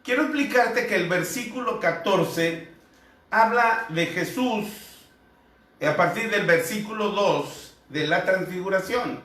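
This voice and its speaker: Male pastor giving a sermon: slow and earnest, bright tone, echoey room. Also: high-pitched. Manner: measured, earnest preaching with rhetorical questions. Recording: echoey room, heard from a distance.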